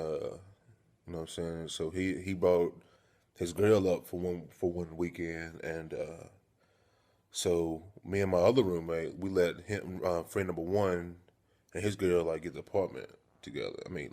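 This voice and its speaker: Young man, vlogger, low voice, casual, profane, animated storytelling. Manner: animated, profane, acts out scenes with a raised voice and stammering.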